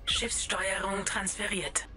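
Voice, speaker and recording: A cool, impersonal female ship computer in a space game. Her announcements come slowly and evenly, one clipped status report after another. Game music plays loudly underneath. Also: mid-range voice, steady tone. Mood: calm. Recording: game audio over loud soundtrack music.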